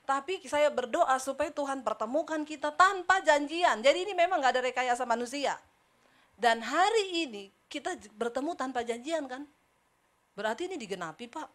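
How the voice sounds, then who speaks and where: A middle-aged woman pastor telling a personal story in a chatty, animated sermon, acting out dialogue and turning to the congregation with questions. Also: high voice, normal speed.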